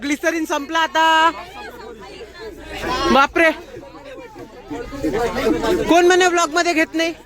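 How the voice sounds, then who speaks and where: Very high-voiced teasing young man. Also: little pitch movement, takes it slowly, pauses often. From Maharashtra, India. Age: young adult. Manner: playful, teasing friends to cry. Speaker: vlogger. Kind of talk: casual teasing vlog chat. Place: outdoors at a busy camp farewell. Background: crowd of students chatting.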